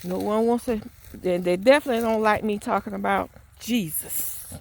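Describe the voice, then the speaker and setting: A woman speaks straight to the camera in a spoken vlog monologue, standing in a rural yard or garden. Her mid-range, creaky voice moves at a normal pace, and she sounds earnest and exasperated, preaching a bit and frequently starting her sentences over.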